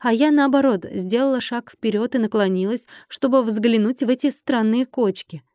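Woman narrator, fairly high voice, expressive first-person read, dry close mic. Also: moderate pace, dry recording. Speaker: audiobook narrator.

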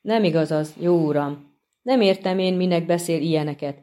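A woman's voice: on the low side, natural voice. A woman voicing a chatty folksy peasant man. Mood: earnest. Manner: folksy, animated, respectful to his master. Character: chatty grateful middle-aged peasant man. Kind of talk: audiobook reading.

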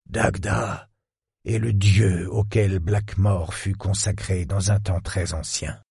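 Old lord in his eighties, put on by a male narrator, enigmatic, patronizing, very husky, slow, low. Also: steady tone, mellow, no room sound, clean studio sound, exaggerated voice. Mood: grave, mysterious. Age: 80s. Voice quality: sepulchral, gravelly, husky. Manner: slow, solemn and mysterious. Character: octogenarian millionaire lord, grave, enigmatic, patronizing. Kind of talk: audiobook character voice.

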